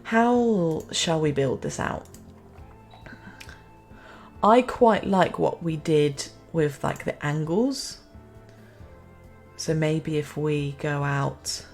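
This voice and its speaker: A woman's voice: sits low, very slow, long pauses, a little mellow, faint music behind. Chatty self-mocking woman. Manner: chatty, self-mocking, talks to herself and the game. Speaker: city-building game streamer. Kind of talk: casual gameplay commentary.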